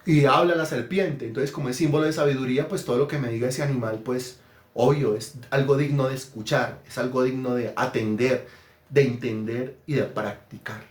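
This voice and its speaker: A man's voice: medium pitch, steady tone, normal speed, reverberant. A man preaching an interactive sermon, asking questions and praising the answers. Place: church hall.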